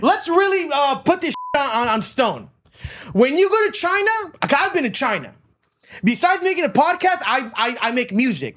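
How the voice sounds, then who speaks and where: Male podcast host from Florida, animated swooping delivery, profane and emphatic, circles back and repeats his points. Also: extremely high pitch. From Miami, United States. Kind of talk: casual podcast rant.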